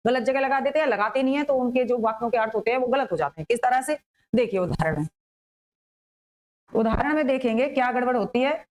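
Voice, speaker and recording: A woman's voice: a little high, quick pace, a little mellow, poor audio. A woman teacher giving an exam-prep grammar lesson, explaining patiently and asking and answering her own questions.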